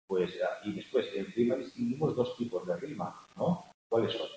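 A man's voice: medium pitch, animated, moderate pace. A man, teaching a class on poetic meter and often asking "¿no?" to check his students are following. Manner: chants vowels loudly when scanning verse. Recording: echoey hall with faint hiss, mic far off.

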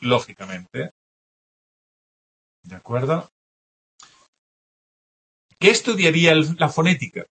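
Male teacher, husky, a bit high; patient classroom explainer. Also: big pitch swings, slow, pauses often, pushed and bright. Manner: explanatory, checks in often with the class. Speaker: language teacher. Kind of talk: classroom lecture going over test answers.

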